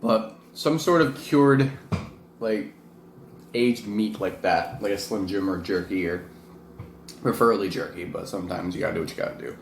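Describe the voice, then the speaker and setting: Eating hot wings on camera, this man, a vlogger and amateur wrestler, talks informally, wandering off topic a little and teasing himself. He has a lowish voice at normal speed, recorded in an echoey room with faint noise behind him.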